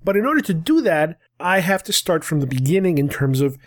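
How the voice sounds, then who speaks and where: A man's voice: fairly high pitch, sing-song, fairly quick. A man hosting a podcast, talking casually and enthusiastically in a rambling way. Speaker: podcast host. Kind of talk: casual solo podcast talk.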